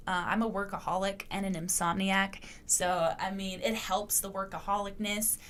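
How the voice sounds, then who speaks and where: A woman's voice: mid-range voice, flat delivery, moderate pace, fairly bright tone. A young adult woman hosting her own podcast, talking candidly in a casual monologue, blunt and profane, rambling with lots of fillers. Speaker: podcast host.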